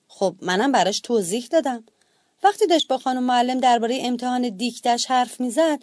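A woman narrating a children's bedtime story in an expressive storytelling manner. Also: high-pitched, no echo, clean studio sound.

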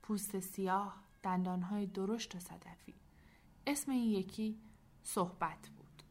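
A woman narrating a storybook, soft and at times nearly whispering. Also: medium pitch, steady tone. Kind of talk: storybook reading.

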